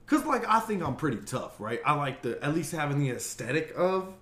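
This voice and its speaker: A man's voice: fairly high pitch, big pitch swings, a little fast, a bit bright. A young man hosting a podcast, chatting casually and animatedly, swearing and laughing often. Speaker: podcast host. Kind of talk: casual chat. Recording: echoey room with faint noise.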